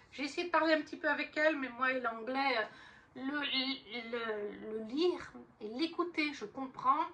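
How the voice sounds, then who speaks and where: A woman's voice: sits high, bright, forceful tone, far from the mic, slight background noise. A woman chatting casually about her books as a vlogger, rambling with fillers and restarts. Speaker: book vlogger. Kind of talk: casual chat.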